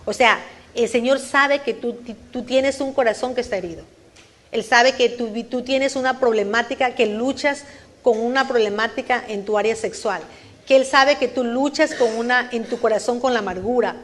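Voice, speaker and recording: A woman preaching a sermon at a church service, earnestly questioning her listeners and repeating phrases for emphasis. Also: fairly high pitch. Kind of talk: Spanish-language sermon.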